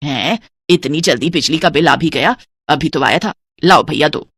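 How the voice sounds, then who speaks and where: A woman's voice: low voice, normal speed, a bit bright, breathy edge, pitched below the performer's own voice, exaggerated voice. A woman voicing a stingy, scheming old mother-in-law in a cartoon, with a scolding, penny-pinching manner.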